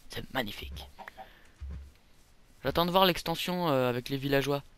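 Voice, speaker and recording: A young man offers casual let's play commentary over a video game, rambling along and cracking jokes at his own expense. His mid-range voice is clear, resonant and fairly bright, at a normal speed with no echo.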